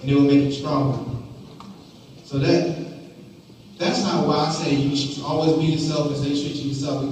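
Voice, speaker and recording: A man's voice: medium pitch, darkish tone. A young man giving a motivational speech with personal stories in an informal, conversational way. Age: young adult. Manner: informal, conversational delivery with colloquial phrasing. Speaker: motivational speaker. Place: indoor auditorium stage, at a podium. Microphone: gooseneck podium mic, picked up by a distant camera. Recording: echoey hall, distant mic, faint noise.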